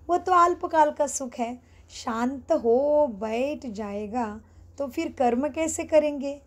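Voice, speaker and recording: A middle-aged woman leading a spiritual class, speaking in a measured, explanatory way and asking questions she then answers herself. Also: high voice, a little mellow.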